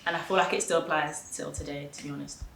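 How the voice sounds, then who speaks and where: A woman's voice: low voice, steady tone, fast, creaky, fairly bright tone. A woman in her twenties, a trainee solicitor, giving a chatty, light-hearted documentary interview. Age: 20s. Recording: echoey room with faint noise.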